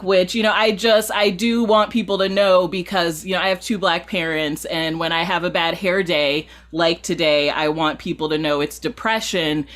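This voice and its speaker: A woman's voice: lowish voice, fairly bright tone. A woman in her thirties doing a stand-up set as a guest comedian, with a wry, self-mocking delivery. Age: 30s.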